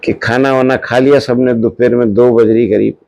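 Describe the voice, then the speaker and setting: A man telling a lively personal story as an interview guest, acting out the people he quotes in casual conversation. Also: mid-range voice, normal speed, vocal fry, no echo.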